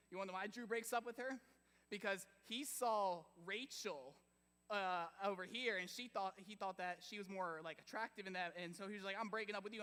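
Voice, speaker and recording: A man preaching to a middle-school youth group, animated and chatty, telling stories and quizzing the audience. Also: high-pitched, clear, resonant tone. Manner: animated, chatty, full of fillers and audience questions. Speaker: youth pastor. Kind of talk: youth group sermon storytelling. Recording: echoey hall.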